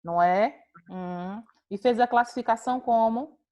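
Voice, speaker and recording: A woman's voice: fairly high pitch, a little slow, mellow. A woman teacher giving an online class over a video call, explaining patiently, repeating points and calling on students by name.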